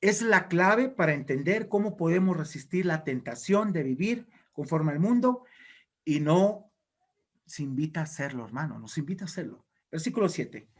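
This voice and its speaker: A male pastor delivers a sermon. His voice sits fairly high for a man, and he presses his points home emphatically, exhorting the congregation. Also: expressive, normal speed.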